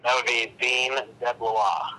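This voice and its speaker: A man heard through a speakerphone, speaking slowly and carefully with dry humor. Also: medium pitch, fairly even intonation, pushed and bright, low-quality recording. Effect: heard over a speakerphone call. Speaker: phone caller. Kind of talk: casual chat.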